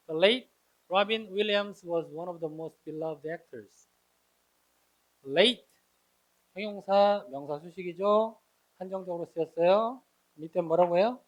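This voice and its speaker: A man's voice: high voice, darkish tone, highs cut off. A man teaching an English grammar lesson, explaining each example and answering his own questions. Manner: explanatory, asks students questions and answers them himself; reads English example sentences slowly and carefully. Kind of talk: grammar lecture.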